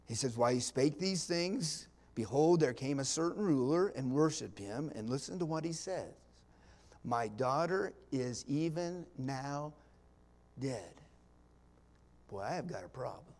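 A male pastor preaching a sermon, dropping to near-whispers and rising to loud, impassioned peaks, with folksy asides and small laughs. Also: mid-range voice, expressive. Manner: swings from hushed near-whispers to loud impassioned climaxes, drawn-out pauses. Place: church sanctuary.

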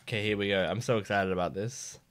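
This YouTube reaction host, a man in his twenties, speaks fast in a low-ish, slightly bright voice with a steady tone. He's at a desk boom mic in a small bedroom, gushing, swearing and chatting excitedly over game trailer music.

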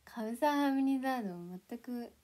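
A young woman chatting casually to viewers on a livestream, playful and giggly, sometimes dropping into soft whispers. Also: a little high, animated, moderate pace. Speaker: idol livestreamer.

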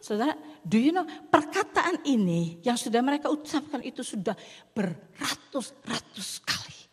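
A woman's voice: fairly high pitch, animated, moderate pace, breathy edge. A woman preacher giving a dramatic sermon that slips into English words and drops to whispers for emphasis, recorded in a church hall. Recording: long church hall reverb.

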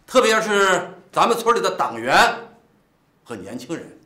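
Bright, lively voice in a roomy room. an older village chief from a TV drama gives orders and chides people in a brisk, homely way. It sits a little high for a man. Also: heavily acted. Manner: commanding, folksy scolding. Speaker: village head. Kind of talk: TV drama acting.

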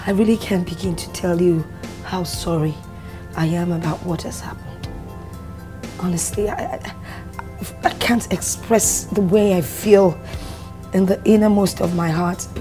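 An actress playing an ashamed, heartbroken middle-aged aunt in a film drama, speaking haltingly and softly with a Nigerian accent. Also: female voice, lowish voice, steady tone, soft background music, lightly acted. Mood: ashamed, sorrowful. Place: living room.

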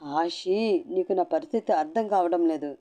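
A harried young husband pleads and frets, exasperated and desperate, as a woman reads him in her own low, mellow voice. He sounds cornered and close to tears throughout this storybook scene. The delivery is low and soft-edged rather than bright. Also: normal speed, close to an everyday voice. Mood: pleading.

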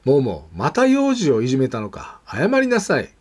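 A man's voice: medium pitch, huge pitch swings, normal speed, darkish tone, slightly rough. A man voicing a strict, stern father in a picture book reading, speaking in a commanding way.

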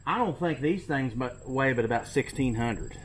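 A man's voice: medium pitch, lively intonation, normal speed, husky. A man with a Kentucky accent, a tobacco farmer, explaining how his barn was built in a practical, detailed way as he walks through it. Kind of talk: casual explanatory walkthrough. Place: outdoors in an open tobacco barn.

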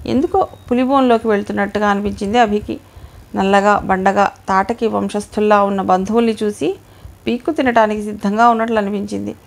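A woman narrating an audio novel with steady storytelling. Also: medium pitch, vocal fry. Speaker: audiobook reader.

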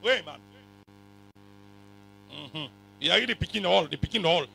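A man with a West African accent preaching a sermon in a raspy voice, forcefully repeating phrases and questioning his congregation, sometimes in pidgin. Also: high voice, lively intonation, measured pace, faint music behind, low-quality recording. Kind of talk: animated sermon, code-switching into pidgin. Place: church hall full of congregation.

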